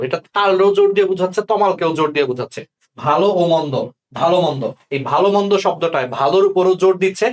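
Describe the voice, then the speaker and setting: Fast-talking young male tutor. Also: on the high side. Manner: checks understanding often with quick questions. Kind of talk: exam-prep grammar lesson.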